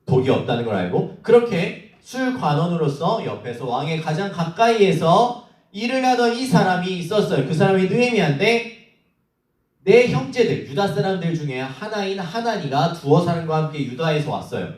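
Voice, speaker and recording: A man's voice: high-pitched, big pitch swings, moderate pace, darkish tone, recorded from a distance. A man giving a children's sermon in church, asking the kids questions and acting out the quoted lines. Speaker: children's ministry preacher. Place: church hall. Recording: roomy echo, from the mic.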